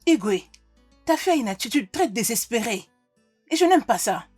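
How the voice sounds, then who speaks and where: A royal mother in a French film dub, coaxing and soothing with a husky, slightly high voice. The sound is dry and close. Quiet music plays behind her. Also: very animated, moderate pace, dry recording. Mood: chiding. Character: fussing royal mother of middle age. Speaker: mother, queen.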